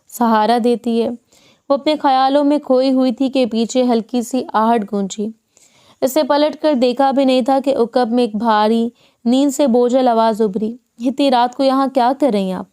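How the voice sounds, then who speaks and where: A woman narrating a romance audiobook in a calm, measured storytelling manner. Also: fairly high pitch, clear, resonant tone.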